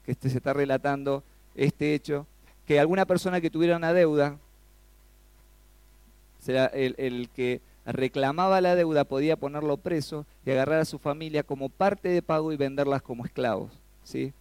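Gravelly Argentine preacher, dry close sound. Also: male voice, on the high side, normal speed, dry recording. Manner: animated, rises sharply when acting out pleas; asks the congregation questions. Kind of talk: sermon.

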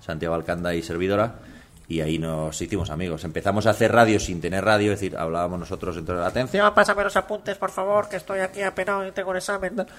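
A man's voice: low voice, steady tone, quick pace, fairly bright tone. Playful older man, Spanish accent. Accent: Peninsular Spanish. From Madrid, Spain. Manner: playful storytelling, acts out quoted voices, rambling asides. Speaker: guest author and radio humorist. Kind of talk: casual radio interview chat.

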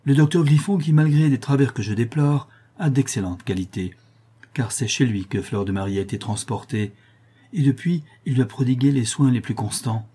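A man reading an audiobook, voicing a gentle, attentive gentleman who speaks in a polite, measured way. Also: mid-range voice, breathy edge, close to an everyday voice. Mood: courteous.

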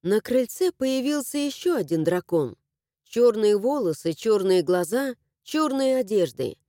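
Woman narrator, fantasy audiobook, animated and mellow, dry close read. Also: mid-range voice, a little slow, no room sound. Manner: expressive, animated storytelling.

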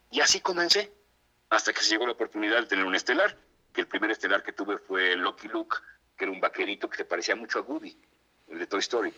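A middle-aged man with a Mexican accent, a voice actor telling lively stories as a radio interview guest and acting out what others said. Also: on the low side, breathy edge, highs cut off. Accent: Mexican Spanish. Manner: animated, acts out quoted voices.

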